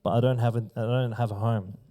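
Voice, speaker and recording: A man from Australia chatting casually on a podcast, animated and slangy, often saying "bro". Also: mid-range voice. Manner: fast, animated, slangy, says "bro" a lot.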